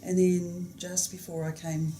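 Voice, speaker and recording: A woman with a New Zealand accent, a student in a class, talking softly and agreeably about her sore shoulder. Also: fairly low pitch, flat delivery, a little slow, noisy background. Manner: soft, agreeable, brief replies. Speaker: student receiving therapy. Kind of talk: casual conversation in a class.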